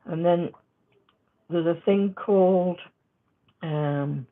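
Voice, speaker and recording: Slow, rambling woman on a tinny line. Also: on the low side. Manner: rambling, halting, with many restarts. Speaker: quilting vlogger. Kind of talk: casual crafting vlog chat. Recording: tinny phone-like sound.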